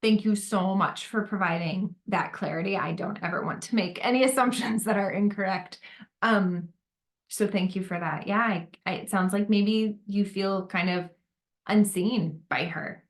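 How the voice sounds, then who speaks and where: A woman facilitating a group discussion on motherhood, gentle and validating, with many fillers. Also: medium pitch, normal speed. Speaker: workshop facilitator.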